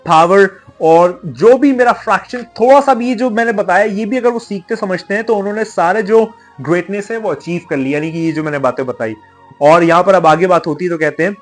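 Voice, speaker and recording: A young man with a slightly high-pitched voice, walking through a scripture passage by passage. He rephrases every line in plainer words and drops English terms in among his own. Soft music plays faintly underneath. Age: young adult. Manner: restates each point in simpler words, mixes in English terms. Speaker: religious video presenter. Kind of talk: explanatory talk on a scripture. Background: faint background music.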